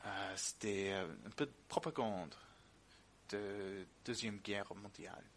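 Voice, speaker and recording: A man, a native English speaker with an English-speaking accent in French, chatting casually and reminiscing, often halting as he searches for words. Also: fairly low pitch, fairly even intonation, a little hiss or hum. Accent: foreign, English-speaking.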